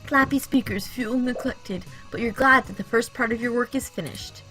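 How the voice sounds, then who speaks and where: A woman's voice: a little high, normal speed, music in the background. A woman streamer reading game text aloud and breaking in with teasing, jokey asides. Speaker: let's play streamer.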